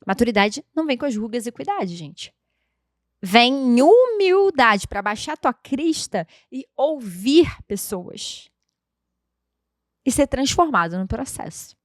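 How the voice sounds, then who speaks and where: A woman's voice: medium pitch, no echo, clean studio sound. A woman in her thirties hosting a devotional podcast, speaking in an emphatic, chatty way straight to her listeners. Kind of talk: casual devotional podcast talk.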